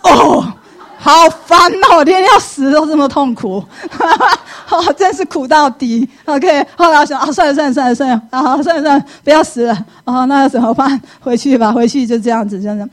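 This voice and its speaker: A middle-aged woman, giving a lively personal faith testimony and acting out her own past thoughts. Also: high-pitched, moderate pace. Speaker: church member giving testimony.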